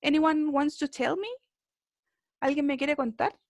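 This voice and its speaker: A woman's voice: high-pitched, fairly even intonation, measured pace, no echo, studio quality. A woman with a Chilean Spanish accent, teaching an English class online in a chatty way and often checking in with her students.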